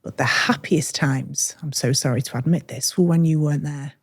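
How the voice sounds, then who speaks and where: A woman's voice: sits low, steady tone, darkish tone, slightly rough, no room sound, studio quality. Frank, reflective woman co-host. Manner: frank, reflective, speaks in short measured phrases. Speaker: podcast co-host. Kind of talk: candid personal conversation.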